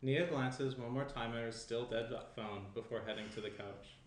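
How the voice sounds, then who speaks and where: A young man reads stage directions at normal speed as the narrator of a screenplay table read, his voice medium in pitch. He's seated indoors reading from a tablet. The shared desk microphone, some distance away, picks up roomy echo and faint background noise.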